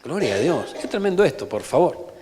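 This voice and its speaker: An Argentine pastor with a Rioplatense accent preaches an emphatic sermon in the church sanctuary, peppering it with calls for amen. His voice is on the high side yet darkish, fairly quick with big pitch swings, echoing through the hall.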